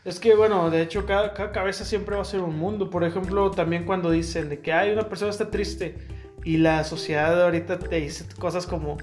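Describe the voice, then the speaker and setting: Mexican co-host in casual chat, earnest and slangy, mid pitch, light music behind. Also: fairly even intonation, a little fast, darkish tone. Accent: Mexican Spanish. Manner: earnest, explanatory, laughs often, slangy.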